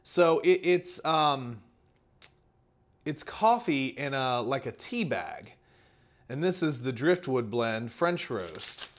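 This channel host and food reviewer chats his way through camping meals laid out on an indoor table, often restarting and using fillers. He speaks slowly in a mid-range, animated voice.

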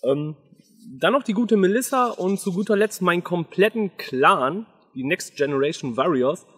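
Casual higher-voiced man, reverberant sound. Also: animated, moderate pace, a bit bright, slightly rough. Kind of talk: casual vlog to camera. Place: outdoors in a garden. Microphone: camera a few metres away.

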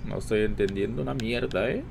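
A man with a Mexican Spanish accent giving casual, chatty commentary while streaming a game, talking to his viewers all the time and jumping into high-pitched exclamations. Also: fairly quick, gravelly, slight background noise. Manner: chatty, addresses viewers constantly. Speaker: gaming streamer.

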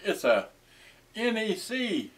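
A man in his sixties with a high, sing-song voice demonstrates vintage electronics for a nearby camera in a small indoor space. He speaks casually and haltingly, muttering to himself as he handles the pieces.

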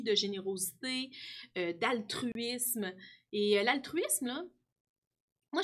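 A woman's voice: a little high, fairly bright tone. A woman teacher, reading aloud and talking children through a story, full of tag questions.

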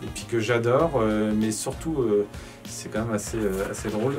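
A man's voice: fairly low pitch, moderate pace, a little mellow, soft background music. A man in his thirties, a head sommelier, talking casually with lots of fillers while showing a wine cellar. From Charente, France. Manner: conversational, many fillers and "en fait". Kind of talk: guided cellar tour. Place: stone wine cellar indoors.

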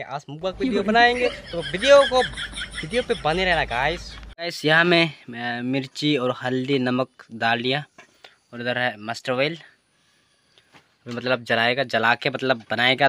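A man's voice: medium pitch, a little slow, sharp tone. A young man chatting casually to viewers in a vlog, filmed on a phone at arm's length outdoors. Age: young adult. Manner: chatty, addresses viewers directly. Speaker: vlogger. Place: outdoors by a river, then a hut indoors. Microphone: phone camera held at arm's length.

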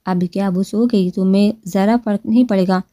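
A woman's voice: mid-range voice, steady tone, dark tone, no room sound, clean studio sound, close to an everyday voice. A woman voicing a headstrong young wife who speaks in a sarcastic, taunting way, read in a storybook. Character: headstrong sharp-tongued young wife, mocking.

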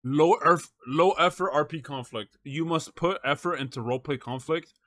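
On a live stream, a man with a voice on the high side talks at a moderate pace, sounding a bit bright with no room sound. He reacts to a video, reads things aloud into a close mic, and chats casually with viewers in slang, often saying "bro" and "chat."

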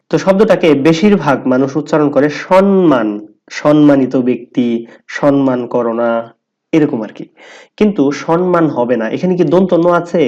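A man giving a pronunciation lesson, explaining step by step and repeating words slowly for emphasis. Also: on the high side, warm tone, muffled recording. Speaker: teacher.

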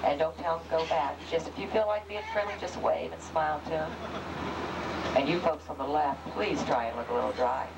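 A woman's voice: deep voice, brisk, vocal fry. A woman guiding a tram tour, chatty and joking with the riders, heard on an old home VHS tape recording. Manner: chatty, jokey, addresses the crowd as folks. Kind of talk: guided tour patter to riders. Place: open studio tram ride outdoors. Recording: echoey open-air tram tape with loud vehicle noise.

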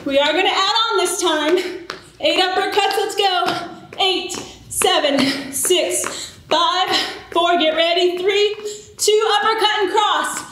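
A woman's voice: very high-pitched, takes it slowly. A middle-aged woman working as an aerobics instructor, energetically calling out moves and counts with encouragement as she exercises. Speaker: fitness instructor. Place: large indoor exercise studio with wooden floor. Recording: very echoey studio, clear background noise.

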